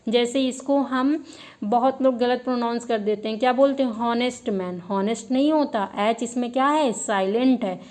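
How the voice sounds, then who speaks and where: A woman's voice: a little high, normal speed, darkish tone. Teacher woman quizzing and answering herself. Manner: asks questions and answers them herself; drills by repeating key words. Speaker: English grammar teacher. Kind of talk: explaining a lesson to students.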